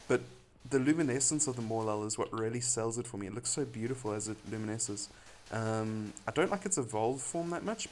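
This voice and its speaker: A man's voice: medium pitch, a little hiss or hum. A man chatting casually on a live stream while he builds in a game, rambling and laughing often.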